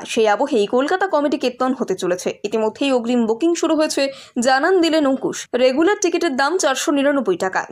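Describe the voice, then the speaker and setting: A woman delivering scripted entertainment news narration as a voice-over reporter. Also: high voice.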